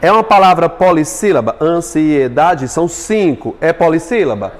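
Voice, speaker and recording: A man with a Brazilian Portuguese accent teaching an exam-prep lesson, chatty and joking, stretching words out slowly as he splits syllables. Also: fairly high pitch, sing-song. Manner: chatty, jokes with students, spells words out slowly.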